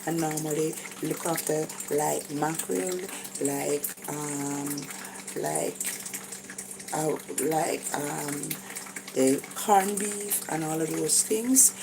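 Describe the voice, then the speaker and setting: A tired Jamaican woman narrates a casual cooking vlog in a small kitchen, her low, gravelly voice slow and hesitant, full of fillers and restarts. She holds her phone above her to record, so the audio picks up kitchen noise.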